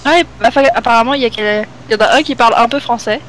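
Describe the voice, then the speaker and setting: Streamer girl from reunion island reading stuff out flat, chatty, a bit of faint hiss behind. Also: fairly high pitch, very fast, poor audio. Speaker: Twitch streamer. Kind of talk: late-night casual stream chat, reading translated lyrics aloud.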